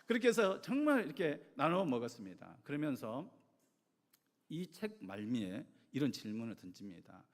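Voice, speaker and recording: A middle-aged male pastor giving a sermon, telling a story with lively acted-out quotes. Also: mid-range voice, normal speed. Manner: animated storytelling, acting out voices in quotes. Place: church sanctuary. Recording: long church hall reverb.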